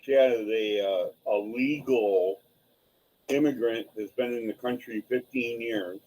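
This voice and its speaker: A man on a podcast call whose voice sounds muffled and distant, as if he were talking through a cardboard tube. He speaks haltingly with pauses and fillers. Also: mid-range voice, fairly even intonation, a little mellow. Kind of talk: casual chat.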